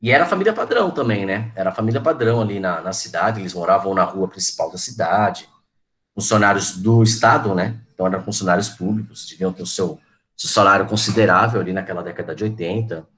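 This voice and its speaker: A man's voice: deep voice, quick pace, a bit bright. A man in his forties, a teacher chatting to his online class, reminiscing and calling on students by name. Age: 40s.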